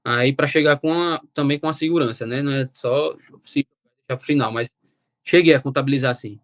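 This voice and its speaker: A young man, telling his story as a guest in a casual, animated way. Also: mid-range voice, fairly quick, no room sound, studio quality. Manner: animated, quotes himself and relatives. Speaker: interview guest.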